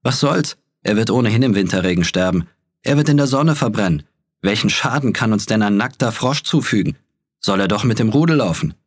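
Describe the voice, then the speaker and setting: A man voicing a pack of hungry young wolves in an audiobook, loud and jeering. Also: fairly low pitch, animated, a little fast, husky, voice pushed up. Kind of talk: audiobook character voice.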